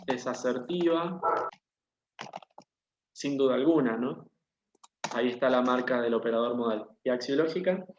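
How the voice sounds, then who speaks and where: A man's voice: medium pitch, normal speed, a little hiss or hum. A man teaching an online class, patiently explaining and putting questions to his students. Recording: dull, echoey room audio.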